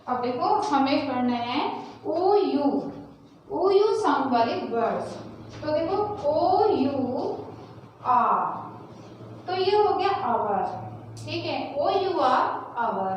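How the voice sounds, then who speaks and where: A woman's voice: sits high, big pitch swings. A woman with an Indian accent, teaching young children phonics and spelling words out letter by letter. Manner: spells words letter by letter, then says them slowly. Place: classroom or school room. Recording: echoey room, mic far off, faint noise.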